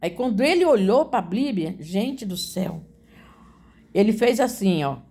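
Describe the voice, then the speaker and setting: A woman's voice: mid-range voice, lively intonation, unhurried, mellow, slightly rough. A woman giving an emotional religious testimony. She talks earnestly, repeats her phrases and keeps turning to her listeners. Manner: earnest, repetitive, addresses listeners as "gente".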